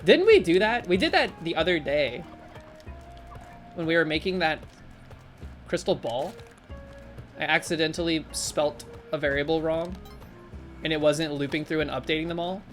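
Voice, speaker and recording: A woman live-streaming, chatting casually with her viewers in a rambling, animated way full of fillers. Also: normal speed, long pauses, faint music behind. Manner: animated, with sudden jumps in pitch. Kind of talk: casual live-stream chat while gaming and reading chat.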